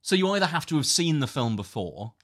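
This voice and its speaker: Male co-host, tired and apologetic, bright lively voice, rapid delivery. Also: on the high side. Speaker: podcast co-host. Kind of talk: casual chat.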